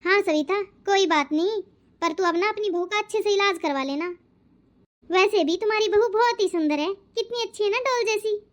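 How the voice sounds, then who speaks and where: A woman's voice: extremely high pitch, moderate pace. A woman voicing a blunt but fair-minded older aunt in a cartoon, who lectures the others. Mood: soothing. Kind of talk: cartoon voice acting.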